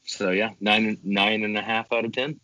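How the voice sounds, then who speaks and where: A man on a podcast panel, giving his film rating in a halting way with many fillers and some swearing. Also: on the low side, level tone, bright, forceful tone, poor audio. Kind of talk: casual film discussion.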